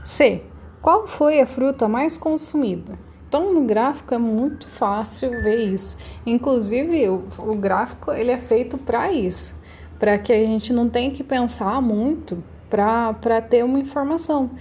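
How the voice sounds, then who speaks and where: A woman's voice: fairly high pitch, measured pace, a little mellow, slight background noise. A Brazilian woman teacher recording a lesson that corrects homework, explaining patiently step by step with rhetorical questions. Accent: Brazilian Portuguese.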